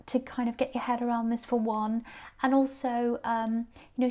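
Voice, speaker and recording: A tired woman with a croaky voice, giving a casual tarot card reading in a gentle, reflective way. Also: fairly high pitch. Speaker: tarot reader.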